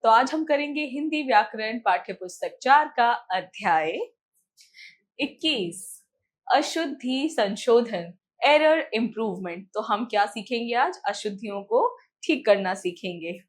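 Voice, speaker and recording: Woman teaching children, somewhat high voice. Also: lively intonation. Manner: slow, stressed reading of example words; asks questions then answers them herself. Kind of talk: children's grammar lesson.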